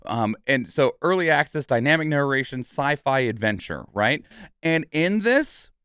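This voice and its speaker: Here a streamer gives emphatic, opinionated game commentary in a casual style, swearing now and then and ending many statements with "right?" or "okay?" His medium-pitched voice is expressive, smooth, and a bit bright, moving at a measured pace in a dry, clean studio recording.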